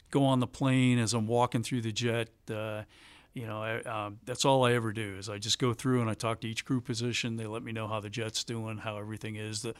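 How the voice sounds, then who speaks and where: A man's voice: on the low side, clean tone, dry recording. Middle-aged male pilot guest, chatty anecdotes, dry close recording. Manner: conversational, laughs while telling stories. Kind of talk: anecdotal interview storytelling.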